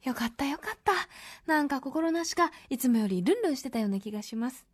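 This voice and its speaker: High, bubbly woman reading a radio recap. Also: expressive, fast, breathy edge. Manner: bubbly, gushing fan. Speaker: radio co-host. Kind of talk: scripted recap.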